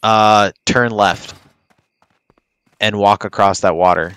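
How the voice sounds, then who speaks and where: Deep clear gamer bro guy, swears a lot, hyped, chatting while he plays. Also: steady tone, slow, a bit bright, no room sound. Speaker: gaming streamer. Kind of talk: casual gameplay chat with a friend.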